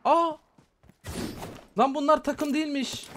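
Faint noise sits under this live mobile game commentary from a male gaming YouTuber whose voice runs fairly high. Excitable and talkative, he fires off rapid bursts aimed directly at his viewers during the match.

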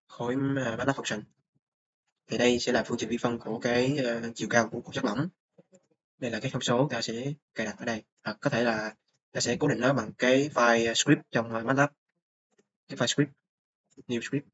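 A man's voice: mid-range voice, steady tone, a little fast, a bit bright. A young man, a student presenting a course report over a screen recording, talking hesitantly with many filler sounds. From Vietnam. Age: young adult. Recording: dull lo-fi mic with faint noise.

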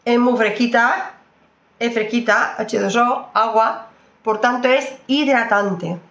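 A woman's voice: a little high, takes it slowly, a bit bright, roomy sound. A woman doing a casual makeup review, chatty and exclamatory, often repeating her phrases. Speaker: beauty vlogger.

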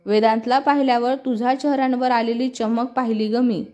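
A woman reading the lines of a loving middle-aged mother in a storybook, slightly muffled with soft music behind. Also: on the high side, steady tone, fairly quick, close to an everyday voice. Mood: tender.

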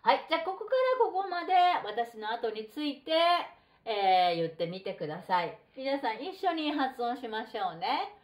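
A middle-aged woman teaching a textbook English lesson, reading model phrases slowly and deliberately. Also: on the high side, sing-song. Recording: roomy echo.

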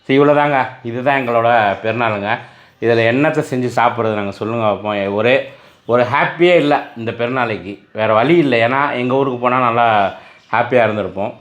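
A man's voice: mid-range voice, quick pace. A man hosting a casual family vlog, talking glumly straight to his viewers. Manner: glum, talks straight to viewers, sings a sad song a few times. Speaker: family vlogger.

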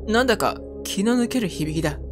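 A woman's voice: medium pitch, expressive, a little fast, natural voice. Woman reading a wry, bewildered young man. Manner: wry narration. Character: bewildered young man with no memory, dry inner voice. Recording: game music underneath.

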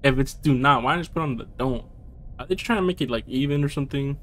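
A man giving let's-play commentary on a game, talking to himself in slangy, profane bursts and shouting when startled. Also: medium pitch, fast talker, slight background noise. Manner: slangy casual speech. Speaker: gaming video host.

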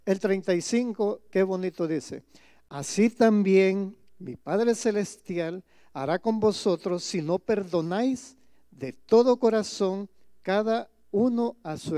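A man's voice: high-pitched, mellow, no room sound, clean studio sound. A male pastor preaching a sermon, reading scripture aloud and breaking off to explain it, often checking in with the congregation. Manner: reads scripture aloud, then explains it in plain asides; keeps asking the congregation "¿verdad?" and "mis hermanos". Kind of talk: Spanish-language sermon. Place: church.

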